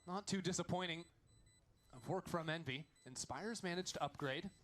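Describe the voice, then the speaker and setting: High-voiced man calling esports play-by-play. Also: noisy background. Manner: quick energetic calls of the action. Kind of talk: live esports commentary.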